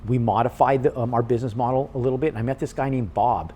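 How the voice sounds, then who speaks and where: A man in an interview who tells his story casually, animated and with casual swearing. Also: mid-range voice, fast, a little hiss or hum. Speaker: podcast guest, real estate investor.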